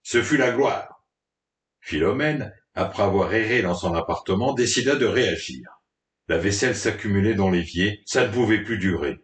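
A man's voice: on the low side, lively intonation, moderate pace. A man narrating a story in a dramatic, mock-melodramatic reading style. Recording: roomy, distant from the mic.

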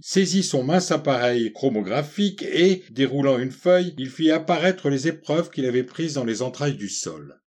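A man reading a literary story aloud in a measured, deliberate narration. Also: medium pitch, a little mellow, breathy edge. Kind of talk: scripted audiobook narration.

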